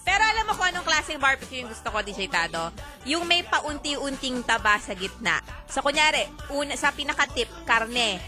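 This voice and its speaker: A woman's voice: high voice, normal speed. Giggly female radio co-host. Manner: giggly, lively. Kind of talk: casual radio banter. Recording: radio show with music behind.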